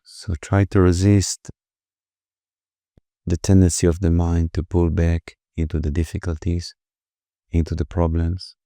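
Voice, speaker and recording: Gently and slowly, a man with a very deep voice leads a meditation, keeping his tone very even and leaving soothing pauses between phrases. The recording is dry and close, with no echo.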